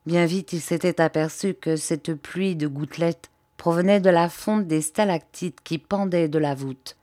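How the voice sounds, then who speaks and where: Woman reading an audiobook, lowish voice, dry close sound. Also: measured pace, mellow, dry recording. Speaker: audiobook reader. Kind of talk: scripted narration.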